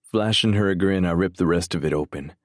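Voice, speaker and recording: Deep-voiced brooding male narrator. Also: no echo, clean studio sound. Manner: measured, brooding, profane. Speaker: audiobook narrator. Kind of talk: first-person romance narration.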